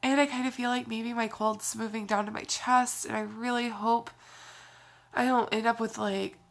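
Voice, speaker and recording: A woman's voice: a little high, steady tone, moderate pace, gravelly, a bit bright. Scratchy-voiced young woman with a cold. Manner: rambling, sighing, with frequent fillers. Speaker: vlogger. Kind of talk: casual vlog talk.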